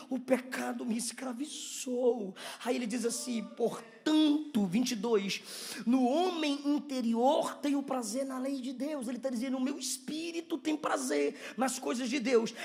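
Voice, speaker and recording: A man with a Brazilian Portuguese accent preaching a sermon, swinging from hushed storytelling to shouted preaching. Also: extremely high pitch, vocal fry. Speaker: pastor.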